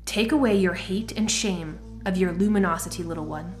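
A woman voicing a wise, stern female mentor in a storybook reading, speaking in a calm, firm, measured way. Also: on the low side, soft background music, natural voice.

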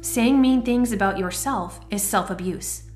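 A woman voicing a wise, stern female mentor in a storybook reading, speaking in a calm, firm, measured way. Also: mid-range voice, faint music behind, close to an everyday voice.

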